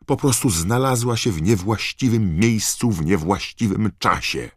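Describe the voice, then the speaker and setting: A man's voice: on the low side, expressive, a little slow, no room sound, clean studio sound, voice pushed up. A man voicing a clever, indignant teenage girl who lectures and insists, in an audiobook.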